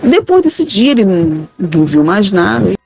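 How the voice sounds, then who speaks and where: A woman's voice: mid-range voice, sing-song, moderate pace, creaky, darkish tone, dry recording, lo-fi sound, faint music behind. A middle-aged Brazilian woman with a Brazilian Portuguese accent recounting a haunting experience in the first person, hesitant and searching for words. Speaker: caller sharing a haunting account. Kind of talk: first-person ghost story telling.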